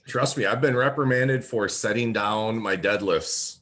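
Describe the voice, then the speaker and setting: Very deep-voiced man from Wisconsin. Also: measured pace, a bit bright. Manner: earnest, many fillers like "you know". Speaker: podcast guest, powerlifter. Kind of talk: casual podcast conversation.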